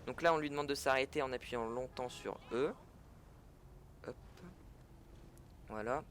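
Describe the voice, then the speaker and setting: A man's voice: mid-range voice, measured pace, a bit bright, faint music behind. A man giving a casual, chatty gameplay tutorial in French, often correcting himself as he goes. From French-speaking. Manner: chatty, self-correcting, fillers. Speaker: gaming tutorial creator.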